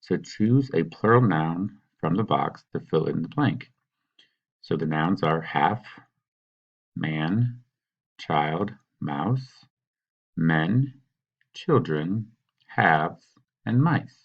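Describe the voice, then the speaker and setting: A man teaching, patiently talking students through a worksheet and sounding out words slowly. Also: low-pitched, lively intonation, creaky, slightly rough, highs cut off. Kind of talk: recorded classroom walkthrough.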